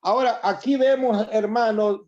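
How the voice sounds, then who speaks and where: With a fairly level delivery at a moderate pace, a preacher whose voice sits high and a little mellow reads scripture aloud and comments on it for the congregation. The sound is dull and lo-fi.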